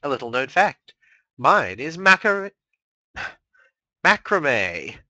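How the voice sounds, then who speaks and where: A man's voice: medium pitch, sing-song, moderate pace, sharp tone, dry recording, voice pushed up, low-quality recording. A man voicing a smug male chaos spirit with a sly, mock-polite drawl.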